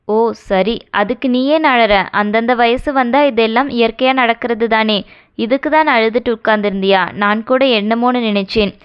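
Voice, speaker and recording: A woman's voice: fairly high pitch, moderate pace, smooth, natural voice. Story reading: a woman doing a brusque young man, offhand and curt, lo-fi. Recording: dull lo-fi recording.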